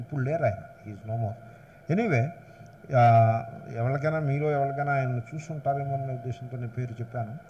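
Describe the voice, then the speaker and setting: A man's voice: medium pitch, warm tone. A man giving a discourse on scripture as a spiritual teacher, explaining points patiently and stressing syllables to show how to recite them. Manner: explanatory, mixes English phrases, stresses syllables while demonstrating recitation. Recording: dull lo-fi lecture recording with faint hiss.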